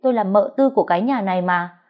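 Woman doing a shrill spiteful young wife. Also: expressive, a little fast, dull audio, close to an everyday voice. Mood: contemptuous. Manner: shrill, scolding, sneering. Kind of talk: storytelling audiobook.

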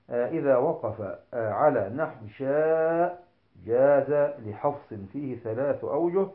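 Man teaching recitation over tinny echoey line. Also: medium pitch. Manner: slow, deliberate explanation, with examples drawn out for emphasis. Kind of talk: tajweed lesson.

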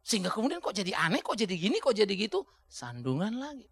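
A male pastor preaching a sermon in a colloquial way, swinging between hushed asides and loud outbursts. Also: sits high, huge pitch swings, fast talker, breathy edge, no echo.

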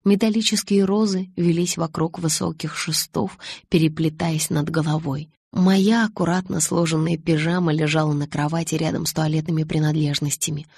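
A woman narrating a novel in the first person, as a steady, scripted audiobook reading. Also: low-pitched, normal speed, gravelly, few pauses, breathy edge, no room sound.

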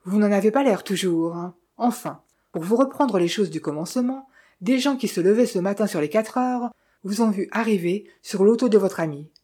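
A woman's voice: mid-range voice, lively intonation, normal speed, dark tone, husky. A woman reading an audiobook and voicing a chatty, knowing male village innkeeper who gossips and teases. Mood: confiding. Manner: gossipy, teasing, confiding. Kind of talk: audiobook character voice.

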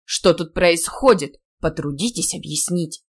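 A woman reading an audiobook, voicing an indignant, fussy middle-aged male deputy dean who scolds loudly. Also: lowish voice, expressive, unhurried, breathy edge, full character voice. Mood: outraged. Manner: loud scolding, theatrical outrage.

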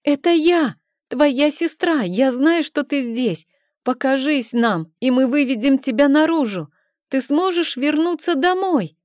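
A woman's voice: high-pitched, a little slow, a little mellow, no echo, studio quality, voice pushed up. A woman voicing a young woman who calls out urgently to her lost brother. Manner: calling out, urgent.

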